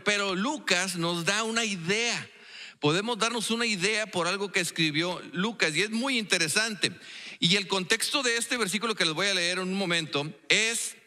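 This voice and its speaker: A man with a Mexican accent delivers a sermon in a playful, storytelling way with jokey asides. His voice sits high and rings very bright. The sound carries a long echo from a church hall. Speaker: preacher. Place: church sanctuary.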